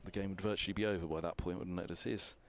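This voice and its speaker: Male cricket commentator, lowish gravelly voice, chatty analytical style, thinks out loud. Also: fairly even intonation, fast. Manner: chatty, thinks aloud with fillers. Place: commentary box on a balcony above the ground.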